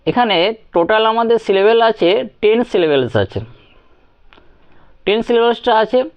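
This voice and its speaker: A woman teacher explaining poetry to students, speaking slowly, repeating her points and mixing in English terms, on a slightly dull recording. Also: a little high, lively intonation, clear, resonant tone. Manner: slow, repeats points, counts syllables aloud; mixes English terms into Bengali speech.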